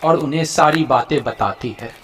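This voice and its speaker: A man giving the scripted narration of a cartoon story with steady storytelling delivery. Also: mid-range voice, moderate pace.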